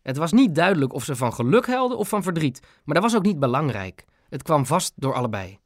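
A man narrating a children's book in a calm, clear storytelling manner. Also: on the high side, fairly quick, dry recording, studio quality. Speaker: audiobook narrator.

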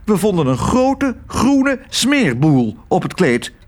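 A fussy older aunt, prim and condescending, speaking in a high, lifted voice. A man puts her on while reading a children's story aloud. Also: sing-song, slow pace, heavily acted.

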